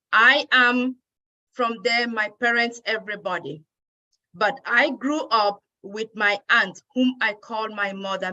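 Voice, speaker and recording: Woman from cameroon speaking slow and measured, bright voice, kinda dull lo-fi sound. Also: on the high side. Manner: earnest, measured, grateful. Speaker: speaker at a women's day event. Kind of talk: heartfelt personal speech.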